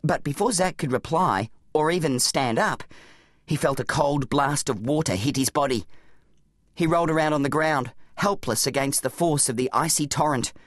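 A man narrating a comic children's audiobook with playful, expressive storytelling. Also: fairly high pitch, moderate pace, no echo.

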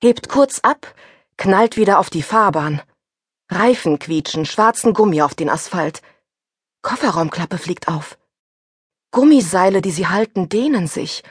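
A woman reading a first-person suspense audiobook aloud, with a husky voice that turns tense and breathless in the panic passages. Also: mid-range voice, dry recording, studio quality. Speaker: audiobook narrator. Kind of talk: scripted first-person narration.

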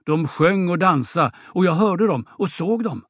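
A swaggering young peasant, voiced by a man reading an audiobook drama, spins a breathless tall tale. His voice sits a little high, and the sound is dry and close to the mic. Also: lively intonation, a bit bright, dry recording. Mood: boastful. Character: boastful young peasant braggart, swaggering storyteller.

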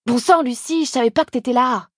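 A woman's voice: high-pitched, fairly quick, no room sound, pitched above the performer's own voice. A woman reading a tired, guilt-ridden young man from an audiobook, pleading and apologetic. His words come out tense and strained. The voice is dry and close, with no room sound at all. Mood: defensive. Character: guilty, worn-out young man leaving his sick wife.

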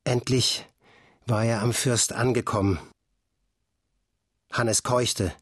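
A male audiobook narrator reading a story in a calm, measured way. His mid-pitched voice has a husky texture. The recording is dry and close, with no room sound. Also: no echo.

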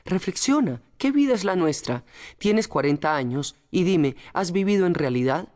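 A woman's voice: on the low side, lively intonation, moderate pace, darkish tone, lightly acted. A woman voicing an earnest, firm young male factory worker speaking to his mother in an audiobook. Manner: firm, fervent, tender. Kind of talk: audiobook character voice.

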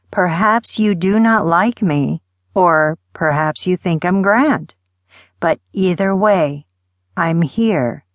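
A woman reads love poetry aloud in a slow, lingering cadence, her voice sitting a little low. It has a soft, tender manner with gentle pauses, recorded close and dry with no room sound. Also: dry recording. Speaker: audiobook narrator. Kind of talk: poetry reading.

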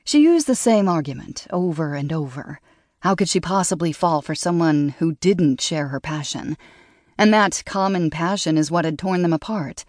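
A woman narrating an audiobook in a measured, steady way, recorded close on a studio mic. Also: fairly low pitch, no echo. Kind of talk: scripted narration.

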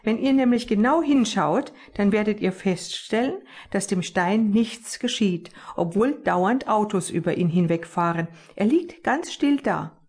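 A woman's voice: mid-range voice, expressive, a little slow, few pauses, darkish tone, breathy edge. A woman voicing a cheeky, daring young male sparrow who boasts and teases his friends, in a storybook reading. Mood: boastful. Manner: boastful, teasing.

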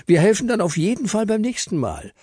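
A man's voice: high voice, wildly swooping pitch, a little fast, dark tone, husky, no echo, clean studio sound, pitched above the performer's own voice, heavily acted. A man voicing an eager, determined little girl in a children's audiobook. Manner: pleading, eager.

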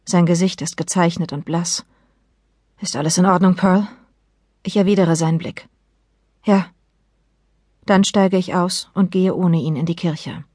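Brief: woman narrator, low-ish voice, measured audiobook reading, dry close mic. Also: warm tone, dry recording. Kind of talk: first-person novel narration. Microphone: close studio mic.

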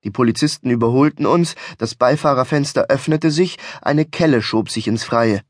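A man's voice: mid-range voice, moderate pace, no room sound. A man narrating a comic novel in the first person in a wry, dry storytelling manner. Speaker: audiobook narrator. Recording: dry studio recording.

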